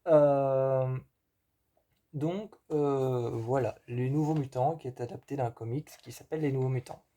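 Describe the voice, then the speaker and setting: Man, mid-pitched warm tone, stop-start casual film talk full of fillers. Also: a little slow. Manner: hesitant, many fillers and repeats. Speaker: film reviewer. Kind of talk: casual film review monologue.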